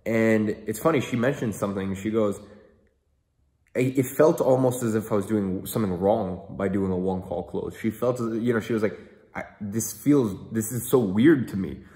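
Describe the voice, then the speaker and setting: A man's voice: lowish voice, normal speed, dark tone. A young man hosting a student interview, talking casually with many fillers and restarts. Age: young adult. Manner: rambling, lots of fillers and restarts. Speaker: host and coach of a marketing program. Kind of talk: casual talk, then interview.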